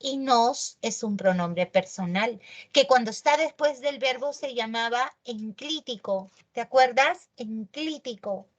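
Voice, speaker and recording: A woman teaching a grammar lesson, talking in an animated, emphatic way and checking in with tag questions. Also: a little high, a little slow, highs cut off.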